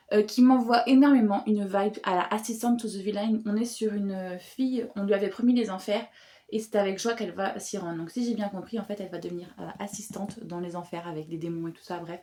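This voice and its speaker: A young woman chatting casually about books she bought, talking through frequent fillers with lively asides. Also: medium pitch. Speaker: booktuber and bookseller. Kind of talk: casual book haul chat.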